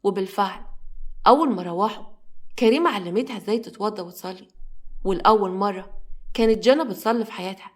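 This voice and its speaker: A woman with an Egyptian accent narrating a dramatic story in a brisk way. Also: mid-range voice. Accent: Egyptian Arabic.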